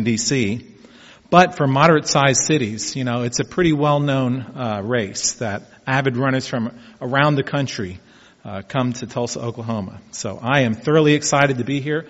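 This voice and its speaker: A man's voice: medium pitch, a bit bright. A man in his fifties talking casually about taking up marathon running, telling his story in a folksy, reflective way. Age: 50s. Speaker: amateur marathon runner. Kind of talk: casual personal vlog talk. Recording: dull echoey room sound.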